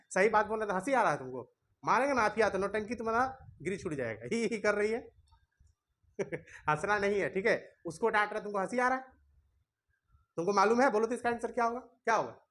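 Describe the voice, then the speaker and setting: A man with a high-pitched, fairly bright voice is teaching a class of students in a classroom, chatting with the kids and scolding them as he goes through the lesson.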